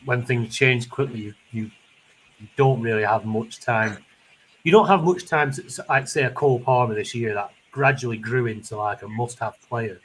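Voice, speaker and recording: A man's voice: medium pitch, moderate pace, a little hiss or hum, rough recording. A man from the northwest of England with a Lancashire accent hosts a casual football podcast. His voice comes with noticeable heavy rain around the conservatory he sits in. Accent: Lancashire English. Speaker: fantasy football podcast host.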